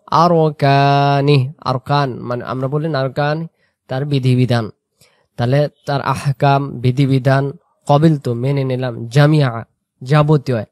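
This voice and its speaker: Bangladeshi bengali guy teaching recitation real slow, drawn-out syllables, dry close sound. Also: mid-range voice, darkish tone, no room sound. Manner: recites phrases slowly, then explains quickly. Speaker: religious teacher.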